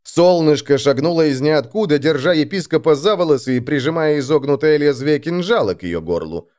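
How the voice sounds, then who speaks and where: A man narrating an audiobook in a dramatic, expressive reading. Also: on the high side, fairly quick. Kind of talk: scripted narration.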